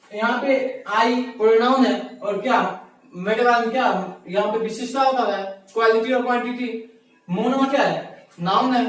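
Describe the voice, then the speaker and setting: A man teaching a grammar lesson, explaining patiently, repeating key words and asking himself rhetorical questions. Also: sits high. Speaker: English teacher. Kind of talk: classroom-style grammar lesson. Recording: echoey room, mic far from speaker.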